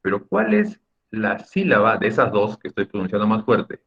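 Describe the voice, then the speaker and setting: A man with a low voice teaches an online class, patiently explaining rules and checking in with his students. His intonation rises and falls with lively energy. The video-call audio sounds dull and lo-fi. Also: moderate pace.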